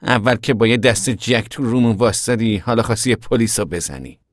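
Guy doing a rough-talking young son, pitched way up from his usual low voice, loud and blunt, dry sound. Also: dry recording, lightly acted. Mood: agitated. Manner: rough, plain-spoken colloquial talk. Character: young adult male son, blunt and restless. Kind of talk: audiobook character voice.

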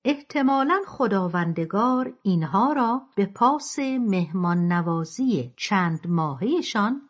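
A woman voicing an anxious grown woman of the household in a storybook reading, speaking low and confidentially, in a husky voice. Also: animated, highs cut off, close to an everyday voice. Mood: hushed.

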